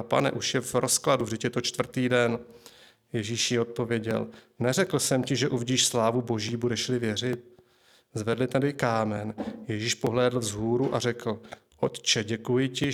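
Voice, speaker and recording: A man preaching a sermon, reading scripture aloud in a measured, slow way and then sharing an earnest personal testimony. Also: mid-range voice, steady tone.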